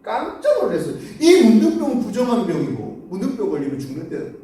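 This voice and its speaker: A man tells a Bible story to children in a sermon and keeps asking them questions. His voice is high and swings widely in pitch. He sounds distant from the mic in a very echoey church sanctuary. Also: a little fast. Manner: animated, asks the children questions. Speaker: children's pastor. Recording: echoey church hall from far off.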